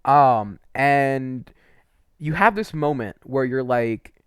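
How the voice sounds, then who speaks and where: Taking things slowly, a man with a clean, medium-pitched voice offers opinionated, unscripted commentary on game quests, recorded in echo-free studio quality. He rambles emphatically, saying "like" a lot and swearing mildly.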